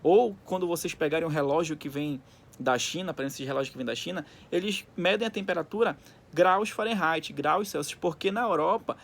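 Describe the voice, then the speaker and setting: A man's voice: fairly high pitch, fairly quick, creaky. A man teaches a recorded school lesson. He dictates in short segments as if students are following along in the textbook, explaining didactically and often adding little tags to check they are with him. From Brazil.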